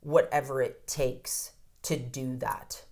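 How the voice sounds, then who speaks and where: A woman in her thirties with a very deep voice speaks slowly as an interview guest; she's a codependency counselor. Candid and animated in this casual interview talk, she swears freely, dropping curses now and then.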